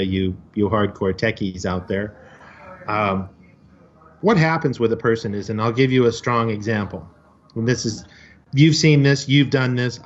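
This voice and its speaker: A man co-hosting a podcast, explaining at length in casual discussion and now and then acting out the people in his examples. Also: fairly low pitch. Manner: explains at length, acts out quoted voices. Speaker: podcast co-host. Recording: dull lo-fi audio.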